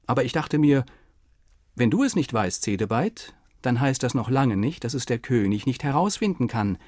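A man voicing a courteous young court messenger in a fairy tale, speaking in a friendly, gently persuasive way. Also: medium pitch, sing-song, normal speed.

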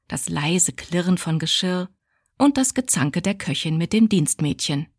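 A woman reading a historical novel aloud as a calm, measured audiobook narrator. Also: lowish voice, dry recording, studio quality. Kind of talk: scripted narration.

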